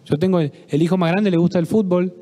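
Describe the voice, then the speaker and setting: A middle-aged man with an Argentine Spanish accent addresses a parish audience. His voice sits a little high yet sounds dark and mellow. He tells anecdotes, acts out the people in them and turns to the listeners with questions. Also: fast talker. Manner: storytelling, acts out dialogue, asks audience questions. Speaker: psychologist giving a parish talk. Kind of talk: conference talk with anecdotes. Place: parish hall.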